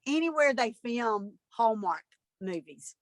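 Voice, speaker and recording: A woman's voice: fairly high pitch, lively intonation, unhurried. A woman, a guest telling stories in casual interview chat over a video call. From Alabama, USA. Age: 50s. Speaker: guest, mother of a host.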